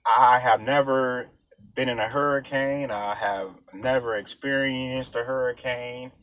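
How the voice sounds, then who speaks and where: A man from the United States rambling casually in slangy street talk, halting often as he thinks out loud. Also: mid-range voice, fairly even intonation, low-quality recording. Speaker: vlogger.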